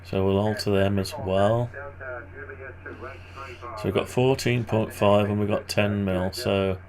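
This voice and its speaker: A man with a groggy, gravelly morning voice and vocal fry endings, giving casual, hesitant think-aloud commentary on his screen work. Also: on the low side, flat delivery, measured pace, crowd noise. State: groggy morning voice, clearing throat. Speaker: maker narrating a design tutorial.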